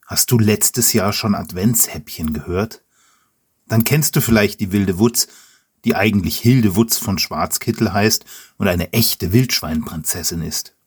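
A man hosting and reading a children's story aloud, talking directly and warmly to the listener. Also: on the low side, measured pace, husky. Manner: friendly, direct address to the listener. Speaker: host and storyteller.

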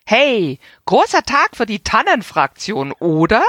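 A woman's voice: a little high, huge pitch swings, unhurried, fairly bright tone, dry recording, studio quality, voice pushed up, exaggerated voice. A woman reading a story and voicing a cheeky boy who teases his friends. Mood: teasing. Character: cheeky, teasing young boy.

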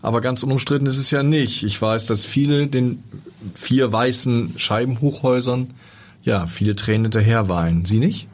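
A man's voice: mid-range voice, normal speed. A man hosting a podcast interview in a studio, asking questions in a friendly, conversational way. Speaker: podcast host. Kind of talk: casual interview.

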